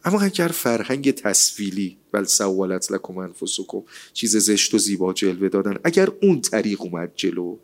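Animated man preaching a colloquial sermon. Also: sits low. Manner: rhetorical, animated, quotes scripture. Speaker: religious speaker.

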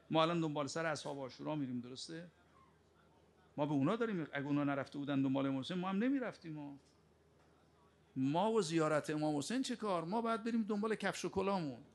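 Gravelly guy preaching, fires off rhetorical questions, scolding tone. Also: a little high. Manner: rebuking, with sharp rhetorical questions. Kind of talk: sermon.

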